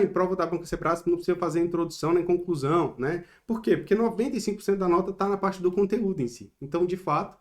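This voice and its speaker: A man with a Brazilian Portuguese accent gives an online exam-prep lesson in a slightly raised voice. He explains step by step and keeps checking in with short tag questions, recorded on a close mic. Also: on the high side.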